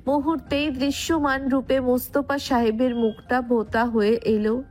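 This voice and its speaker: A woman narrator reading a scripted romantic story in expressive literary prose. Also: sits high, normal speed.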